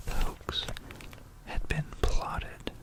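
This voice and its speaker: Very slow, deliberate, and breathy, this whisper comes from an ASMR host narrating history up close on a stereo binaural mic. Pauses come often, and phrases are repeated softly.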